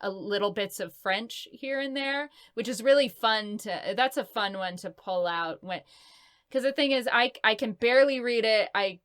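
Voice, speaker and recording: A young woman from the San Francisco Bay Area, a voice actress chatting as an interview guest, animated and quick to laugh. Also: a little high, smooth. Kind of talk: casual interview chat.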